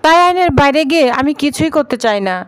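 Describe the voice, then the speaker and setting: A woman's voice: high voice, expressive, quick pace, no room sound. A woman voicing a determined young woman who firmly and earnestly defends her honor. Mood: firm, pleading.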